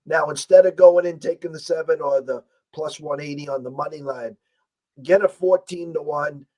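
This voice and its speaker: An American man with a hoarse, strained voice that is nearly gone, hosting a casual sports betting talk show. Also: fairly high pitch, moderate pace, darkish tone. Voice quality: husky, strained voice. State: hoarse, losing his voice.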